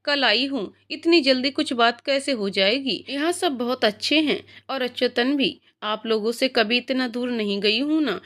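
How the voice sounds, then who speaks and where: A woman's voice: fairly high pitch, normal speed, hardly any pauses, a bit bright, close to an everyday voice. A woman voicing a sweet, caring young bride in a storybook reading, speaking earnestly and politely.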